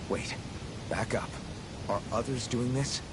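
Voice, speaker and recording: A man's voice: slow pace, lightly acted. A man voicing an earnest young video game swordsman, blurting incredulous questions in startled double takes. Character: earnest young male swordsman hero, blunt, impatient. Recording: loud rumbling noise behind.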